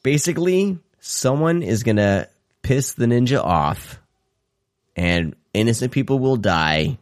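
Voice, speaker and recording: A man's voice: mid-range voice, lively intonation, unhurried, no room sound, clean studio sound. A man co-hosting a horror movie podcast over a call, laid-back and joking, swearing casually. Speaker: podcast co-host. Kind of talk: casual chat. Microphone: remote call.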